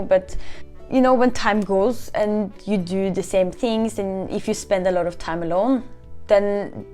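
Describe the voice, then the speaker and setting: A woman's voice: mid-range voice, a little mellow. A young woman from Norway talking reflectively in a casual vlog, often saying "you know". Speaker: vlogger.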